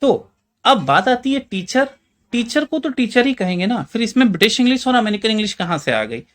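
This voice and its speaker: A man's voice: extremely high pitch, sing-song, fairly quick, a bit bright. A man with an Indian Hindi accent gives a chatty vocabulary lesson, quizzing listeners with rhetorical questions and calling them friends. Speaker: English teacher. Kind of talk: classroom-style explainer lesson.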